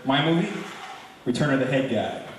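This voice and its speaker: At a comedy club, a Brooklyn, New York comic delivers a chatty stand-up set and ribs the audience. He speaks at a moderate pace in a mid-range voice with lively intonation. Heard from far off in an echoey live recording, the crowd is audible too.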